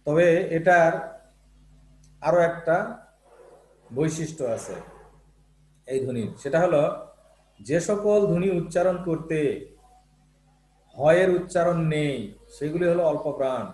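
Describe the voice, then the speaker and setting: A man's voice: fairly high pitch, measured pace, pauses often, a little mellow, echoey room. A male teacher explaining Bangla sounds in a lesson, patient and repetitive, often checking that students follow, with a Bangladeshi Bangla accent. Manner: explains patiently, repeats terms and checks with "ঠিক আছে?". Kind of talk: classroom lesson on Bangla phonetics.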